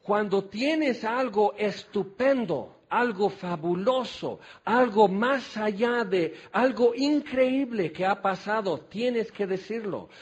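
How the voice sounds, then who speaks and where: A Mexican man preaching a sermon, switching between quiet scripture reading and excited, folksy storytelling. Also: slow pace, few pauses, slightly rough. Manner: animated, shifts from low quiet scripture reading to excited shouting; conversational, folksy storytelling with fillers like "este".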